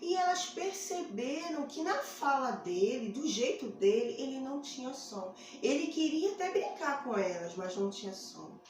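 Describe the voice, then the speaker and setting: A woman's voice: high voice, sing-song, a little mellow. A woman teacher with a Brazilian accent telling a phonics story to small children, drawing out her vowels in a sing-song way. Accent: Brazilian Portuguese. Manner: slow, sing-song, stretches vowels while pointing to letters. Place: classroom with a board. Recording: very echoey classroom, faint room noise.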